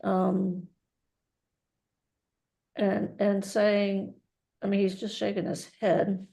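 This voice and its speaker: A woman working as a medium, relaying a spirit's messages in a halting way, often repeating words. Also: mid-range voice, level tone, creaky, mellow. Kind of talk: mediumship reading.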